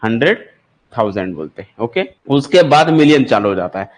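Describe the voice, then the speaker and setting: A man's voice: medium pitch, big pitch swings, fairly quick. A man teaching maths for exam preparation, explaining step by step and asking his students questions before he answers them. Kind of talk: classroom lecture for exam prep.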